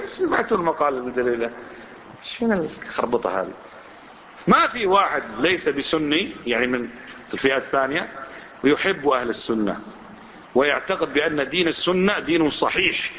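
A man's voice: on the high side, pushed and bright. A man teaching a religious lesson, speaking colloquially and questioning his listeners directly. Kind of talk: religious lesson to a seated audience. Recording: dull lo-fi recording with faint noise.

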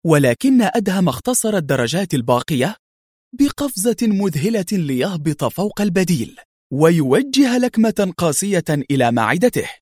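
High-voiced man narrating a thriller. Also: slightly rough, no room sound, studio quality. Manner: dramatic, expressive reading. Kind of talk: dramatic story narration.

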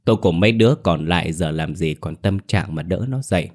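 A man reads a scripted first-person ghost story. His voice is deep and low, and the reading stays measured and steady throughout.

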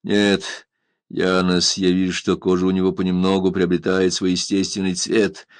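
A man doing a calm commanding pirate chief. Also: low-pitched, normal speed, smooth, no echo.

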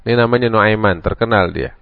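A man with a Jakarta Betawi accent giving a humorous preaching lecture, acting out the characters in his story with sudden jumps in pitch. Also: brisk, creaky, no echo. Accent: Jakarta Betawi Indonesian. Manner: animated, acts out characters with sharp pitch jumps. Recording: dry, dull lo-fi recording.

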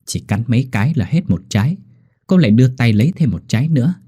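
A man narrating a scripted story in an animated, expressive way. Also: medium pitch, fast talker, husky.

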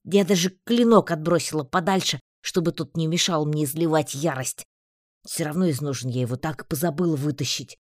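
A woman narrating a first-person audiobook in a lively, ironic way. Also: deep voice, fairly quick, dry recording, clean studio sound.

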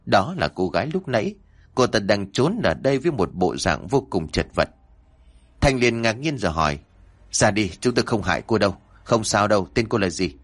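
A man narrating a scripted horror story, acting out the characters' dialogue in shifting voices. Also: lowish voice.

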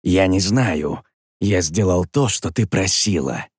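A man voicing a calm male demon in an audiobook, speaking quietly, slowly and indifferently. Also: low voice, no room sound, studio quality, pitched below the performer's own voice, exaggerated voice. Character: calm, low, well-fed male demon.

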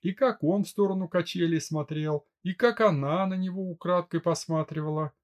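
A man reading a gentle young mother in an audiobook, soothing and talkative. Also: high voice, moderate pace, pitched above the performer's own voice, close to an everyday voice. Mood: gentle chatty. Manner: soothing, lively chatter. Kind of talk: audiobook character voice.

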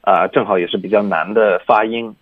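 A man's voice: lowish voice, fairly even intonation, a little fast. A man teaching English pronunciation on a radio lesson, explaining patiently and demonstrating sounds with exaggerated articulation. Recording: dry, tinny phone-like sound.

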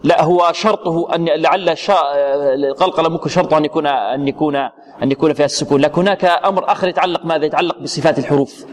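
Male tajweed teacher quizzing students, echoing hall. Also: a little high. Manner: quizzing, answers his own questions, halting restarts. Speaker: Quran recitation teacher. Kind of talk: tajweed lesson with questions to students.

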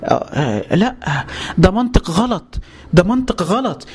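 A man's voice: sits high, big pitch swings, moderate pace, a little mellow, a little hiss or hum. A man with an Egyptian Arabic accent giving a colloquial religious lesson, pleading and urgent, speaking straight to his listeners. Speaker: preacher.

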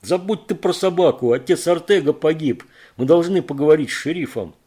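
A man's voice: mid-range voice, animated, fairly quick, a little mellow, natural voice. A man voicing a shaken, exhausted young man who speaks urgently and insistently.

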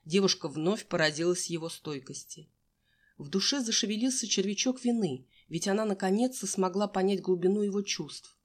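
A woman with a medium-pitched voice narrates a young-adult novel at a normal pace, performing each character with a distinct voice as an audiobook reader.

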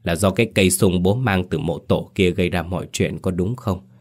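A man's voice: low-pitched, fairly quick. A man voicing a frustrated adult son pressing worried questions. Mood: agitated. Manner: agitated, questioning.

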